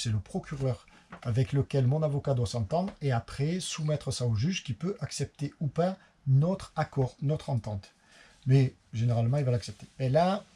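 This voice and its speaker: Speaking to camera with a Marseille French accent, this sailing vlogger from Marseille has a medium-pitched, dark voice with a breathy edge. His talk is casual, chatty, plain-spoken and wanders as he goes.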